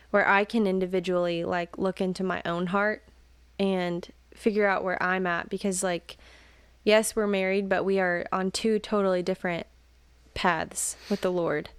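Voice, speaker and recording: Young female co-host, smooth clear tone, thinks aloud with "like" and "um"; dry sound. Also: mid-range voice, dry recording. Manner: thoughtful, filler-heavy, joking asides. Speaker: podcast co-host. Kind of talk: casual chat.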